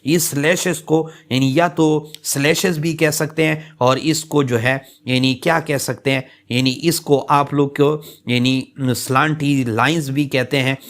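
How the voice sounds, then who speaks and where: Slow, patient male language teacher. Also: fairly high pitch, steady tone. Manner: slow, repetitive explaining with many fillers; drawn-out example words. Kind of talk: lecture on English pronunciation.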